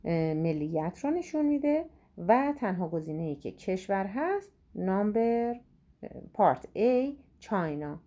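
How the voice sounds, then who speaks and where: A woman teaching, going through exam questions, saying English words slowly and explaining quickly in between. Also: medium pitch, big pitch swings, warm tone.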